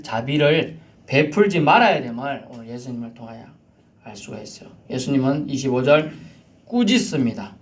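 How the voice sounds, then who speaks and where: A man preaching a sermon, swinging from loud shouted commands down to near-whispers. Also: medium pitch. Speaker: pastor.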